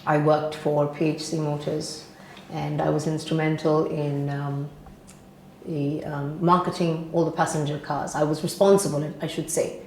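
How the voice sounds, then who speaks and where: A woman's voice: low-pitched, flat delivery, normal speed, darkish tone, slight background noise. A woman from Ghana, a guest from the energy industry, giving chatty interview answers with fillers and restarts. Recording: echoey room.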